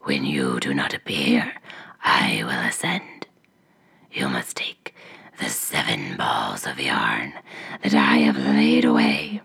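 A woman voicing a huge, tall, stout female ogress in a hoarse, very low whisper. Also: takes it slowly, a bit bright, heavily acted. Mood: scheming.

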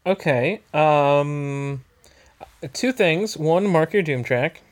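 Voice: mid-range voice, expressive, very slow. A game master running a tabletop game, prompting the players with brief questions and rules reminders.

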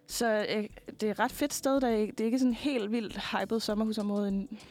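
With faint music behind her, a young woman in her twenties, appearing as a guest singer, talks casually in an interview at a medium pitch, relaxed and hesitant, with plenty of fillers.

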